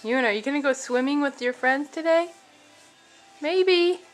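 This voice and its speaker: High sing-song woman cheering a toddler. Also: moderate pace, faint music behind. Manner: encouraging sing-song baby talk. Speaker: adult filming a toddler. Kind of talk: home video, talking to a small child.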